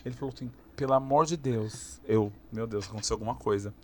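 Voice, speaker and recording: A young man with a Brazilian Portuguese accent, chatting casually as a guest and telling lively stories, laughing often and acting out what people said. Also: fairly low pitch, quick pace. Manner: animated storyteller, laughs often, acts out quotes. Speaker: streamer guest. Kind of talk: casual podcast chat.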